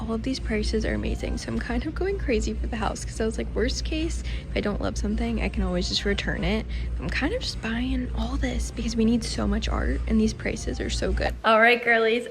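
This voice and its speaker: A young woman chatting bubbly and casually in a lifestyle vlog, full of "like" fillers. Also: high voice. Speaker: lifestyle vlogger. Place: car, then shops and home.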